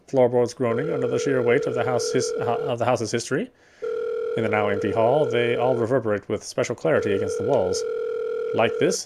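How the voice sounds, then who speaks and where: Heavy background noise surrounds a medium-pitched male voice. The speaker is a gamer carefully reading a visual novel's first-person narration out loud, now and then stumbling before correcting himself.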